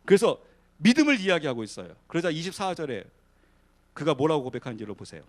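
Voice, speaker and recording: A male pastor preaching a sermon in an animated way, acting out quoted voices. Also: fairly high pitch, fast talker. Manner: animated, acts out quotes of devils and believers.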